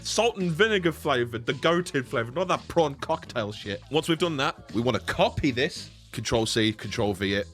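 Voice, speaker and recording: With an expressive mid-range voice, a bit bright, moderately paced and with few pauses, a twenty-something tutorial host jokes, swears and mock-teases through a casual software lesson. He sits close to a boom-arm desk microphone in a small indoor bedroom, faint music behind him.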